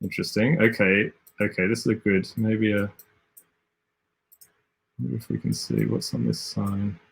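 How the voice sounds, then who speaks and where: A man's voice: lowish voice, big pitch swings, a little slow, creaky, husky. An Australian man casually commentating a livestream while he plays, rambling and thinking aloud with frequent self-corrections. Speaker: game design streamer.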